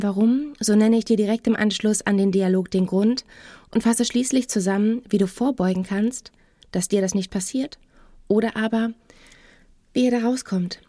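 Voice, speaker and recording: A woman hosting a podcast as a couples therapist, speaking calmly and directly to the listener. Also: mid-range voice, dry recording, studio quality. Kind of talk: scripted podcast narration.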